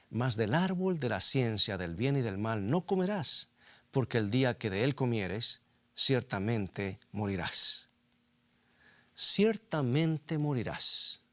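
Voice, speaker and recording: A man preaching a sermon, asking rhetorical questions and slowly repeating scripture for emphasis. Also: mid-range voice, fairly bright tone, no room sound.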